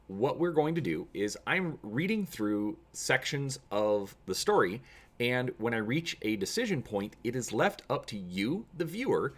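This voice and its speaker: This host of a tabletop gaming channel speaks at a medium pitch with a touch of brightness. His clip moves from a relaxed intro addressed to viewers into a dramatic narration of an adventure tale.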